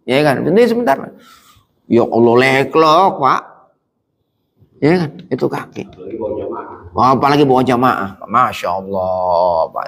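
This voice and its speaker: A male preacher telling a religious story in an animated way, who keeps turning to his listeners directly. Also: high-pitched, creaky. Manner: animated, keeps addressing the audience as "Pak". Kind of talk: Islamic sermon storytelling. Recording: echoey hall reverb.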